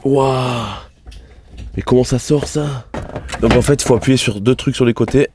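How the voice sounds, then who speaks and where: A man's voice: mid-range voice, a little fast, background noise. A young man casually vlogging about his car, swearing often and thinking aloud as he works in his garage. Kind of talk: casual vlog commentary.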